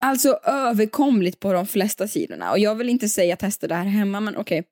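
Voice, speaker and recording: A woman's voice: medium pitch, sing-song, darkish tone, no room sound, studio quality. A young woman co-hosting a casual podcast, chatty and rambling, often restarting sentences and laughing. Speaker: podcast co-host.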